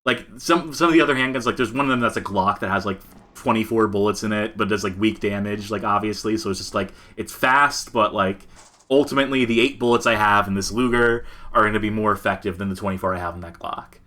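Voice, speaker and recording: A man's voice: on the low side, quick pace, pushed and bright. A man co-hosting a podcast, giving casual commentary as he plays a game and explaining its mechanics in detail. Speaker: podcast co-host. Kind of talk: casual commentary over gameplay.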